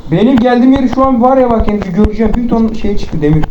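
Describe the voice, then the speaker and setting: A young man chatting fast and teasingly while gaming with friends, swearing casually. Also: very high voice, expressive. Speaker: gamer. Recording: roomy, dull with noise.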